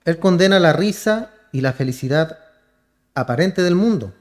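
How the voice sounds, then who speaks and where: A man's voice: a little high, expressive, normal speed, a little mellow. A man with a Chilean accent, a pastor preaching a sermon to his congregation, addressing them as brothers and asking rhetorical questions.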